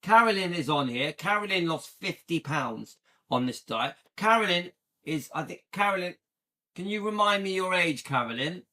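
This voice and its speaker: High-pitched and sharp in tone, this British livestream host in his late fifties talks at normal speed in an animated way. He chats casually and keenly with viewers, frequently adding "yeah?" to check in.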